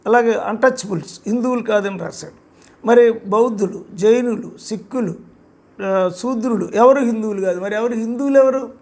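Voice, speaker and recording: A man's voice: high voice, moderate pace, creaky, a little mellow. An older man giving an emphatic, repetitive spoken lecture about his own book. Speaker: author discussing his book.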